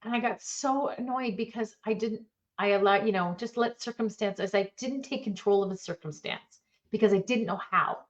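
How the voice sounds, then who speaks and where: A middle-aged woman mentor giving a motivational talk, telling personal stories in an earnest, animated way with bursts of laughter. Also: mid-range voice, normal speed, highs cut off. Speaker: mentor and coach.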